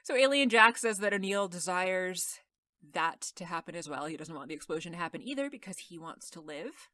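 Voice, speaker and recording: A woman's voice: lowish voice, animated, fairly quick, bright, forceful tone, no room sound, clean studio sound. A woman co-hosting a podcast, recapping an episode in casual chat, laughing often and quoting the characters' lines. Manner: chatty, laughs often, retells scenes with quoted lines. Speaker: podcast co-host.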